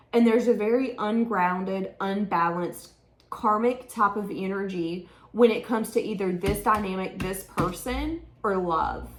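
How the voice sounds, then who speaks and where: A woman's voice: medium pitch, a bit bright, reverberant. A woman giving a tarot reading to her viewers, talking in an emotional, rambling, repetitive way. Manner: emotional, stream-of-consciousness, repeats herself. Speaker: tarot reader.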